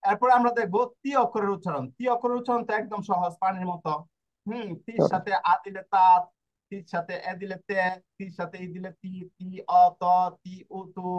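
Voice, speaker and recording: Male tutor, slightly high pitch, patient syllable-by-syllable drilling, muffled low-fi sound. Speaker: language teacher. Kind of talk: explaining pronunciation lesson. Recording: dull lo-fi recording.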